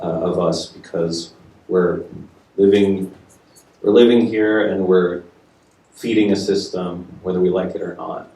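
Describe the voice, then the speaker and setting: A very deep, flat, dark-toned man speaks as a panelist, halting and restarting often. His voice comes from far off in an echoey room. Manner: halting, many fillers and restarts. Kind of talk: panel discussion. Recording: echoey room, distant mic.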